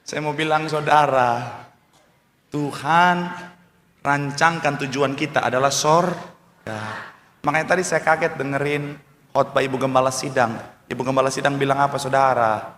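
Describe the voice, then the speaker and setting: A man's voice: medium pitch, moderate pace, long pauses, fairly bright tone, a little hiss or hum. A male pastor preaching an emphatic sermon, often turning to address the congregation directly and calling for applause. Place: large church hall. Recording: echoey church hall reverb.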